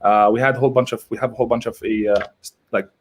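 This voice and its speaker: Over a video call, a male real estate agent from Egypt rambles as a live interview guest, eagerly correcting himself as he goes. His mid-range voice moves very quickly with fairly even intonation, and there's a faint hiss or hum on the line.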